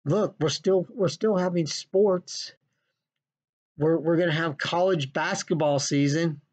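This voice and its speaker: A man's voice: on the high side, measured pace, darkish tone. A man ranting in a sarcastic, scolding, profane vlog monologue from his basement. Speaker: vlogger. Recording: dull lo-fi recording.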